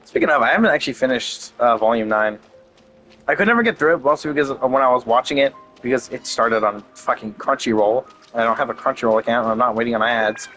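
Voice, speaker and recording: A man casually rambling and thinking out loud as he plays a video game, swearing now and then. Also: medium pitch, fast talker, soft background music, rough recording. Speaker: gaming video creator. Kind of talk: casual gameplay commentary.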